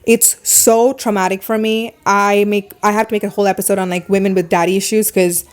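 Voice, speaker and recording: This woman, a podcast host with a foreign accent, chats casually about what she thinks, growing animated and rapid in bursts. Her voice is mid-range.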